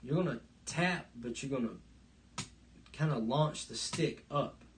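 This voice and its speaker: A man's voice: mid-range voice, measured pace, slight background noise. A man teaching a live online drum lesson, explaining stroke types step by step and counting beats aloud, recorded on a phone's front camera. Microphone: phone front-facing camera.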